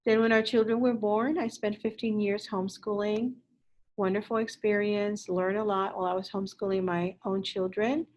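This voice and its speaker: This Puerto Rico–born Spanish teacher, in her fifties, introduces herself to parents from her classroom with friendly, meandering chatter, fillers and little restarts. She keeps a moderate pace, ordinary middle pitch and fairly even intonation, and the laptop mic yields low-quality audio.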